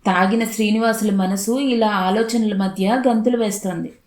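A woman reading a literary short story aloud in a steady, unhurried narrating voice. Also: medium pitch, echoey room.

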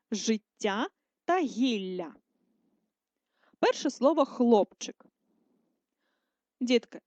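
A female primary school teacher giving a recorded writing lesson, dictating words slowly and clearly for first graders. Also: a little high, dark tone, no echo. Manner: slow, clear dictation, syllable by syllable. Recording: dry, dull lo-fi voice recording.

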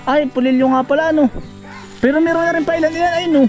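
A man's voice: very high-pitched, steady tone, fast, faint music behind. A man vlogging outdoors in rural woodland, chatting casually and coaxing and cautioning someone as he goes. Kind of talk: casual outdoor vlog narration.

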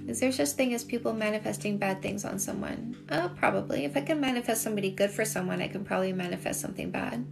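Fast and creaky, with hardly any pauses, a middle-aged Canadian woman talks in a mid-range voice over music. She hosts a casual dating-coach livestream from a small indoor room with shelves, holding her phone at arm's length as she reads and answers comments and repeats points for emphasis.

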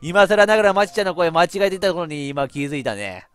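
A man's voice: sits high, animated, fast talker, clean tone, faint music behind. A man with a giving casual, chatty game commentary and laughing at himself. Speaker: VTuber let's-play streamer.

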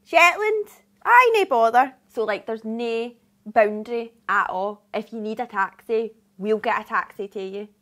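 A woman's voice: on the high side, animated, a little slow, fairly bright tone. A young woman with a broad Scottish accent playing a chatty, naive, eager taxi dispatcher in a comedy sketch. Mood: earnest, chatty. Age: young adult. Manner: chatty, colloquial. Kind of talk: acted comedy sketch, chatty customer-service talk. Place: small office, indoors.

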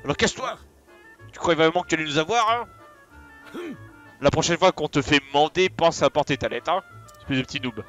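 A man's voice: on the high side, lively intonation, brisk, long pauses, soft background music. A man voicing a scornful castle guard who taunts and insults. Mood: mocking. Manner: mocking, loud taunts.

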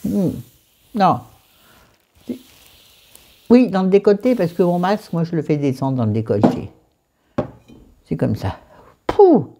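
A woman's voice: lowish voice, unhurried, pauses often, warm tone, a little hiss or hum. A woman filming a casual skincare vlog at home, chatty and self-mocking, rambling into crude asides. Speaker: beauty vlogger. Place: bedroom at home.

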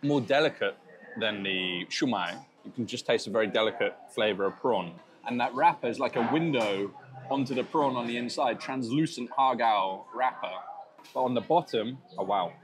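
A food vlogger with a mid-range voice tastes and describes street food at a restaurant and bakery in Thailand, talking at normal speed. He's chatty and enthusiastic, laughing at himself now and then. The background is noisy.

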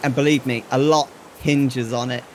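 A man's voice: mid-range voice, steady tone, moderate pace, background noise. A man chatting casually and teasing his friend during a co-op game, laughing often. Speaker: co-op gamer, guest. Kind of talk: casual gaming chat.

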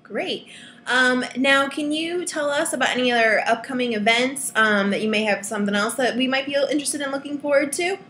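A woman's voice: sits high, fairly quick, a bit bright. Chatty young woman on an echoey webcam. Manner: friendly, chatty with fillers. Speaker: interview host. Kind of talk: promotional video call interview. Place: indoor room at home. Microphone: webcam on a video call. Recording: roomy webcam audio, faint noise.

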